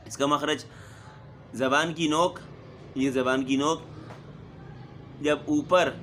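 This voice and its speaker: A middle-aged man teaching Quran recitation, explaining steadily and then sounding out single letters loudly again and again. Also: fairly high pitch, steady tone, a little hiss or hum. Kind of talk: spoken Quran pronunciation lesson.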